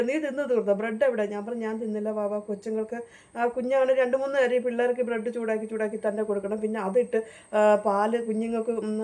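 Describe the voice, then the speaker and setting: Fast-talking woman telling a rambling personal story. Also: a little high, mellow. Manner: rambling, with frequent restarts and repeated phrases; earnest, emotional retelling. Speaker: vlogger recounting her past work abroad.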